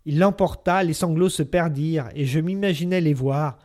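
A man reads classic fiction aloud in a measured, expressive narration. His voice sits somewhat high for a man. The delivery is that of a radio reading. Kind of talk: scripted literary narration.

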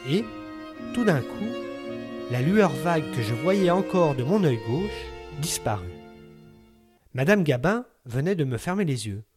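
A man narrating a literary story aloud in a measured, even way. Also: fairly high pitch, over music. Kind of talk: audiobook reading of a literary story.

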